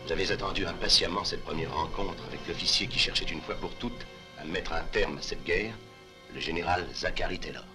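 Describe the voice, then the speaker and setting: A sober lieutenant, played by a male actor, talks in a deep voice, measured and reserved. He has a skeptical air suited to an adventure film's narrator, with music clearly behind him. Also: lightly acted. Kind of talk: dubbed film dialogue and narration.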